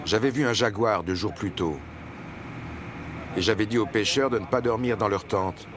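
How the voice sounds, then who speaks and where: A man's voice: lowish voice, normal speed, noisy background, natural voice. A man voicing a boat captain telling a grim cautionary tale, as a nature documentary voice-over. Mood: grave recounting.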